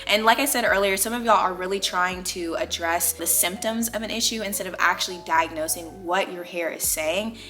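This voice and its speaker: Her voice sits on the low side and sounds pushed and bright as she runs her casual hair care vlog. This young American natural hair creator stays chatty and emphatic, treating her audience like girlfriends.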